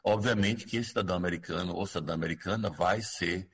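A man's voice: deep voice, fast talker, a bit bright, breathy edge. A man with a Brazilian Portuguese accent explaining things as a guest expert in an interview, often checking for agreement in a conversational way.

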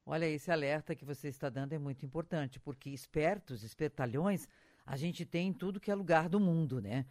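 A man with a Brazilian Portuguese accent hosting an interview, speaking in an expressive, emphatic, conversational way. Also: fairly high pitch, a little fast, dry recording. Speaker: interviewer, host.

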